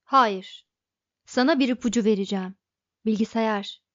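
A woman putting on a brash, excitable alien captain. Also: on the high side, moderate pace, no room sound, muffled recording, natural voice. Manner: boisterous, childishly excited.

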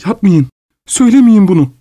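Desperate fiftyish woman begging for help, high shrill pleading, man putting her on, storybook. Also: big pitch swings, brisk, warm tone, dry recording, muffled recording. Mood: frantic pleading. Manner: frantic high-pitched pleading.

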